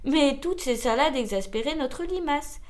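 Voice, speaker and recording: A woman reading a children's picture book aloud in a slow, theatrical way. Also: high voice, expressive. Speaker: storybook reader.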